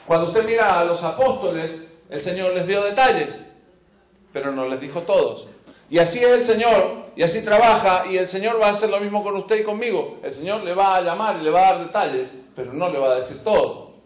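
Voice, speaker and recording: Delivering a sermon fairly quickly in a high voice, a man reads scripture and then turns to speak straight to his congregation, hammering his main phrases through emphasis and repetition. The room is echoey.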